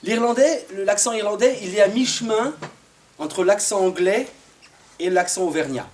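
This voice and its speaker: A man telling a Christmas tale to a live audience in a playful, animated way, sometimes singing and getting listeners to join in. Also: sits high, normal speed, a little hiss or hum. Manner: lively, playful, sings and gets the audience to join in. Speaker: storyteller. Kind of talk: oral storytelling to a live audience.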